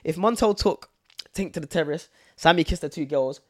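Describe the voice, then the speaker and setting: A man's voice: fairly high pitch, moderate pace. A man in his twenties with a London and Essex urban British accent, chatting casually in heavy slang, insistent and repeating himself. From Essex, England. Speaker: reality show contestant, interview guest.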